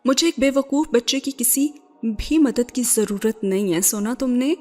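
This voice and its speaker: A woman's voice: on the high side, soft background music, pitched above the performer's own voice, natural voice. A woman reading as a cold, scolding grown man. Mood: scornful. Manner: flat and scolding. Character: curt, harsh grown man, coldly angry.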